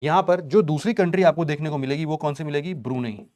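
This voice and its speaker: A man's voice: fairly high pitch, quick pace, a little mellow. Quizzing man teaching geography. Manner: quizzing students with rhetorical questions, casual and joking. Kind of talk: online exam-prep lecture.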